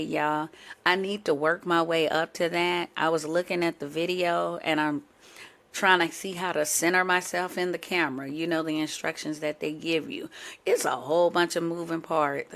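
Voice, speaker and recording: A woman's voice: low-pitched, steady tone, moderate pace, gravelly, fairly bright tone. Chatty woman podcast host with a sore throat. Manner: chatty and playful, talks straight to listeners. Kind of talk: casual chat.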